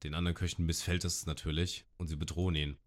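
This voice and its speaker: A man's voice: sits low, fast talker. A man on a podcast, casually retelling an anime episode and acting out the characters' lines. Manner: lively retelling, acting out quotes with shouts.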